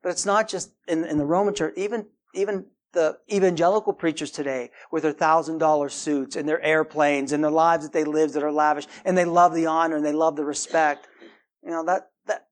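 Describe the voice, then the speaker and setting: A middle-aged man preaching a sermon, emphatic, his voice rising high and loud to stress points. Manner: emphatic, rising in pitch and volume for stress, acts out quoted voices. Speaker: pastor.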